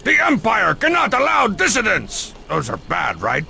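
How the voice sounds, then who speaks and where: A man's voice: high voice, huge pitch swings, normal speed, gravelly, sharp tone, faint music behind, full character voice. A man voicing a bossy, sarcastic would-be dictator in a cartoon game, pompous and mocking.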